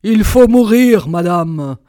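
A woman voicing a cruel, hard-hearted nobleman who shouts his threats slowly and loudly. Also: mid-range voice, expressive, dry recording, clean studio sound. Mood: menacing shouting.

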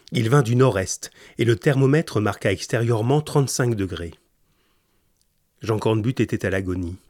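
Male audiobook narrator: low, husky voice, calm and measured reading. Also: dry recording, studio quality.

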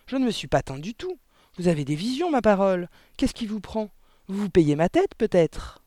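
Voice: mid-range voice, sing-song, moderate pace, warm tone, dry recording, pitched above the performer's own voice, close to an everyday voice. A reader voicing a blustering middle-aged father who bellows in outrage and panic in an audiobook. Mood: bellowing. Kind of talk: audiobook reading.

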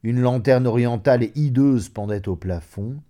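A man narrating a classic short story in an expressive, measured reading. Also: mid-range voice.

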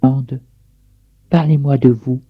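A man voicing a kind, courteous man who speaks gently and politely in a story. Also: mid-range voice, steady tone, unhurried, slightly rough, phone-quality sound.

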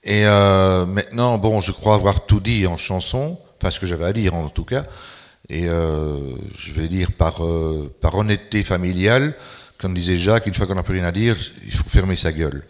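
A man from Belgium with a very deep voice talks as a guest at a book fair. He speaks plainly and candidly, with the odd filler and restart. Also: moderate pace. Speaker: singer-writer guest. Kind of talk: public talk at a book fair.

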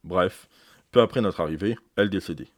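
A man reading aloud as a proud, precise senior doctor, recounting events in a measured, explanatory way. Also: low voice, no echo, studio quality. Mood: grave recounting. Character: eminent older male doctor, proud, precise.

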